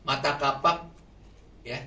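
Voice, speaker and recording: A man preaching a sermon in a lively way, often putting questions to the congregation. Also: medium pitch, slow. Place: shelter hall. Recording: echoey room from far off, faint noise.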